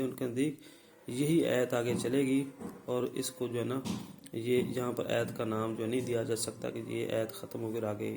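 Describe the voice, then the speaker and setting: A man teaching the rules of Quran recitation step by step, often checking in with his listeners and then sounding out the words louder as examples. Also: medium pitch, gravelly, slight background noise, poor audio. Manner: repeats "theek hai" to check in. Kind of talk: tajweed lesson.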